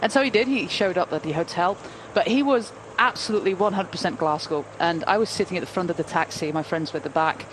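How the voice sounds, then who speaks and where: A cycling commentator in her forties chats through a live bike race in a fairly low voice, talking fast with few pauses and plenty of ums and anecdotes. The rough recording has a slight hiss or hum under the loud race ambience.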